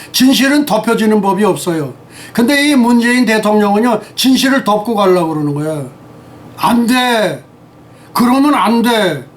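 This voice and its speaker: A man in his eighties preaching in a rambling, scolding way. He is teary and sniffling, hurls insults and keeps asking his listeners whether they understand. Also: high voice. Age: 80s. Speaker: pastor. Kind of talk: rambling sermon and political rant.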